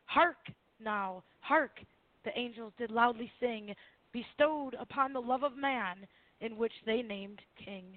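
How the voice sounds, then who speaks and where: A woman's voice: fairly high pitch, a little slow. A woman calling in to a radio show over the phone. She reads her own poetry on air and giggles and hesitates between readings. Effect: tinny phone-line sound of a call-in caller. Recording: tinny phone line.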